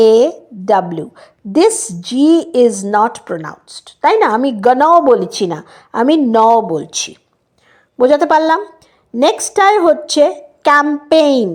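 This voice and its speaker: A woman with a Bengali accent teaching an English lesson, patiently spelling words out letter by letter and checking that her viewers follow. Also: high voice. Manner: explains patiently, spells words letter by letter, often adds "right?". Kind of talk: casual spoken lesson.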